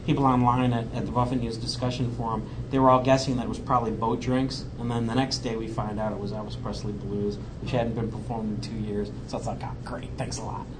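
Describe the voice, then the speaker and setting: With hardly any pauses, a podcast host talks quickly in a level, mid-range voice while the background stays noisy. His casual, filler-laden chat gives way to a prepared roundup recapping the show.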